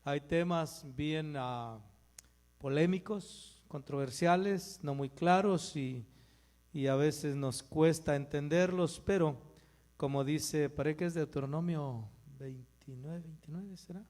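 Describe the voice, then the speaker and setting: A man's voice: fairly high pitch, slow pace, darkish tone. A man leading a church gathering, preaching informally, repeating himself and putting questions to his listeners. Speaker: church leader introducing the teacher. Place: live in a church meeting.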